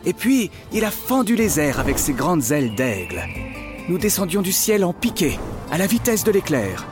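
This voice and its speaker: Playing an inventor teacher addressing his class, a man narrates a children's fairy tale at a moderate pace, his playful, expressive pitch swinging lively up and down. Gentle music plays faintly beneath him.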